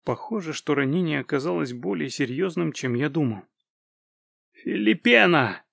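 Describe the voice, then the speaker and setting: A man narrating a first-person fantasy audiobook in a steady, measured way. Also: fairly high pitch, vocal fry, no echo, studio quality.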